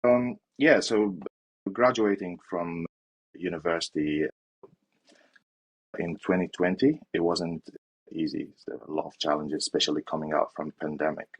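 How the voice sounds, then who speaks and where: A man's voice: low voice, normal speed, husky, highs cut off. A young man from Syria answering interview questions in a hesitant way, with fillers and restarts. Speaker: interview guest.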